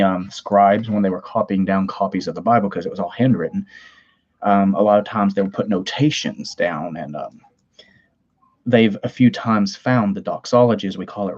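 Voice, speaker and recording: A man's voice: fairly low pitch, darkish tone, highs cut off. A man from Tennessee with a Southern twang, hosting a casual livestream chat, rambling, reading comments aloud and laughing easily. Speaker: livestream host.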